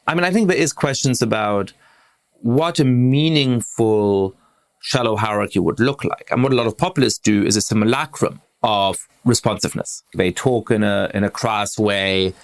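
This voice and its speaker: Low, gravelly male podcast host. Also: moderate pace. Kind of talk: interview questions and commentary.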